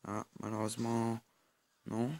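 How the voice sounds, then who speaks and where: A man's voice: mid-range voice, completely flat delivery, measured pace, darkish tone. A young man giving casual mobile-game commentary over a recording of his screen, hesitant and full of fillers. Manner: hesitant, many fillers and restarts. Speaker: gaming YouTuber.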